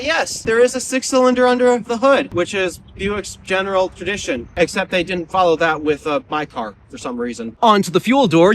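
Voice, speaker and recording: A man's voice: high-pitched, slight background noise. A man giving a casual, opinionated walkaround review of a car outdoors, with chatty sarcastic asides. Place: outdoors beside a parked car.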